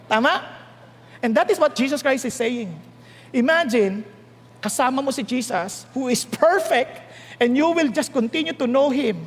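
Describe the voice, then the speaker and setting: A man with a Filipino accent preaching a sermon, teasing and animated as he mixes in English. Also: extremely high pitch, unhurried. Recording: long hall reverb.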